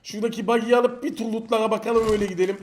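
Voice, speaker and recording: High-voiced excitable Turkish gamer man. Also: racing. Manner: excitable, taunting opponents, shouting bursts. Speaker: mobile game streamer. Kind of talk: live gameplay commentary.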